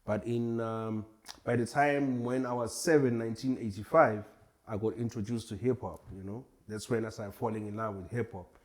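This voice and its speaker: A man's voice: fairly low pitch, fairly even intonation, moderate pace. A man in his forties from Tanzania, a hip hop artist chatting as a guest in a casual interview, laid-back and rambling. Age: 40s.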